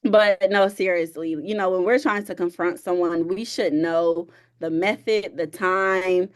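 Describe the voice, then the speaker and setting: A woman who works as a therapist and counselor, giving calm, measured advice step by step in a conversation. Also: lowish voice.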